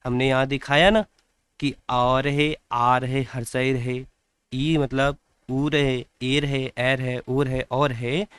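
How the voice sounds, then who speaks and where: A man's voice: mid-range voice, flat delivery, slow, a bit bright, smooth, no echo. A man teaching an English grammar lesson to children, repeating words and asking them questions.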